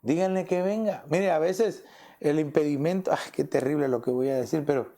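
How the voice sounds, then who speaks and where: A man's voice: on the high side, normal speed, dark tone. A man, a pastor, preaching a conversational sermon and often tossing in rhetorical questions. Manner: asks rhetorical questions, often adds "¿verdad?".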